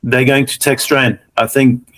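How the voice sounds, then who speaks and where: A man's voice: medium pitch, flat delivery, unhurried, fairly bright tone, rough recording. A man hosting a casual podcast interview, chatty and agreeable with his guest. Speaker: podcast host.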